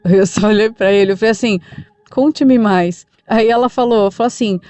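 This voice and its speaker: A woman with a Brazilian accent, narrating a listener's true supernatural story for a podcast in a calm, conversational way. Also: mid-range voice, normal speed, clear, resonant tone, dry recording. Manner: calm, conversational retelling with spoken fillers.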